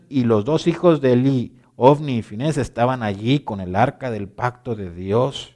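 A male preacher, mid-pitched and conversational. He drops to near-murmurs for intimate points, then rises loud and emphatic, often calling out to his listeners directly. The delivery is informal and lively rather than formal. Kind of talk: sermon.

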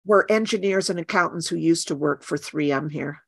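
A woman's voice: on the low side, vocal fry, breathy edge, dry recording. A woman artist as a guest in a casual interview, frank and wry. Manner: frank, wry, quick to agree.

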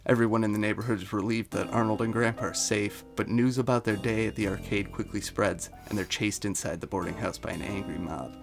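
Low-voiced man reading a story over music. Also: steady tone, a little fast, creaky, hardly any pauses. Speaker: podcast co-host pitching a fan episode. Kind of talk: reading a written episode pitch, then casual chat.

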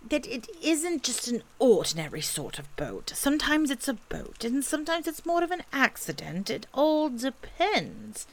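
A growly male toy bear from a gentle storybook, performed by a woman reader. He sounds simple, earnest and ponderous, and his pitch wanders in an animated way. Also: moderate pace, few pauses, exaggerated voice.

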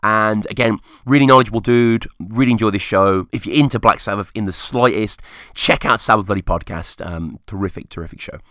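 A man hosting a music podcast solo, rambling casually and enthusiastically in a rusty, croaky, hungover voice. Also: lowish voice, brisk, a bit bright, dry recording, clean studio sound. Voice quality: rusty, hoarse voice. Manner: enthusiastic, informal.

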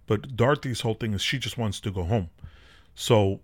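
A man's voice: fairly low pitch, normal speed. A man hosting a podcast, casually retelling a film and drawing spiritual lessons from it, in a loose, rambling way with many fillers and restarts. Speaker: podcast host.

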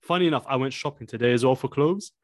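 A man's voice: mid-range voice, fast, no echo, clean studio sound. Young roadman-style man chatting. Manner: roadman-style London slang. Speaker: podcast co-host. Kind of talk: casual chat.

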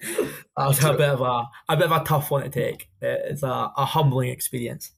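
A young adult man with a Scottish Highland accent, chatting casually about sport in a colloquial, matey storytelling way as a podcast co-host. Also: steady tone, normal speed, creaky, a bit bright, a little hiss or hum. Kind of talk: casual football chat.

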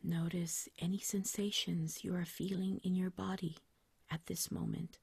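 A woman guiding a meditation like a sleep story narrator, in a soft, whispery, breathy voice with a gentle, soothing, unhurried manner. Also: lowish voice, flat delivery, no echo. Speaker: meditation guide.

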